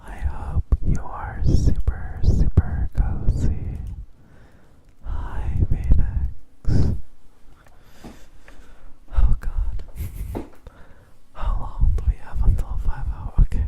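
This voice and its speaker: A man in a whispered ASMR stream, talking softly and sleepily to his chat, close to a sensitive mic. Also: drawn-out words, long pauses, highs cut off. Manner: soft whispering, drowsy and relaxed. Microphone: sensitive studio recorder mic.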